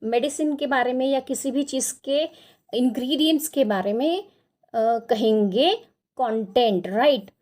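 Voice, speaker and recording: Indian woman English teacher, high voice, unhurried, spells words out letter by letter. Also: a little mellow. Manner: mixes Hindi and English, spells words letter by letter, asks "right?". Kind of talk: explaining lesson.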